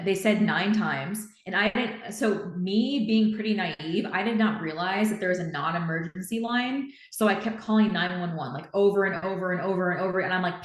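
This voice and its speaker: A woman's voice: mid-range voice, reverberant. A young adult woman, a podcast guest, recounting a personal story in a rambling way with many fillers and restarts.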